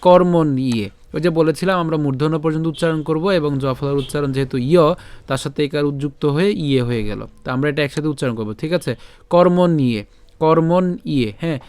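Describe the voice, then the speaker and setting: A man teaching Sanskrit verse pronunciation in an online class, chanting each line slowly and then explaining it step by step with questions. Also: on the high side, a little mellow, smooth, no echo.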